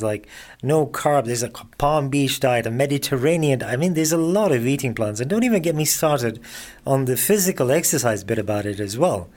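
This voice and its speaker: Chatty self-mocking man in his forties. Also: medium pitch. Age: 40s. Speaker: podcast host. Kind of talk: casual personal monologue.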